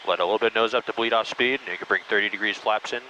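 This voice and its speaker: A man giving calm flight instruction over a cockpit intercom, encouraging and coaching step by step. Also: on the low side, very fast. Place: small airplane cockpit in flight. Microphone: aviation headset. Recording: noisy aircraft cockpit intercom.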